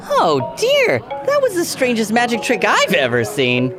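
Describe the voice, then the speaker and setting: A woman's voice: a little high, wildly swooping pitch, measured pace, over loud music. A woman voicing an eager male dog police officer who keeps sneezing. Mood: surprised. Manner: sneezing, earnest.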